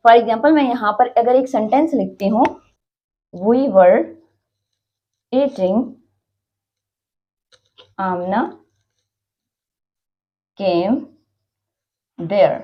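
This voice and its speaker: Higher-pitched Pakistani woman teaching slowly. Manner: explains slowly, with many "theek hai" checks; reads example sentences slowly and deliberately. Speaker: English teacher. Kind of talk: classroom lecture. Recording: muffled lo-fi recording.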